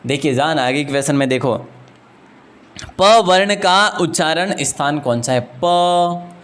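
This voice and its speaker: A man's voice: fairly high pitch, expressive, unhurried, fairly bright tone. A man with a Rajasthani Hindi accent teaching a live online exam-prep class, chatty and joking as he talks to his students. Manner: chatty and joking, often addresses students as friends.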